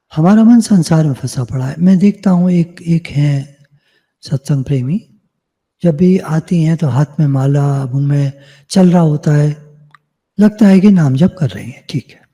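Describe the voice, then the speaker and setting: A man speaking slowly in a dark, mellow, husky voice, delivering a devotional discourse on scripture. He teaches in a measured way, repeating phrases and posing questions that he answers himself. The video call audio carries a long, reverberant tail. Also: on the high side. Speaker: spiritual teacher.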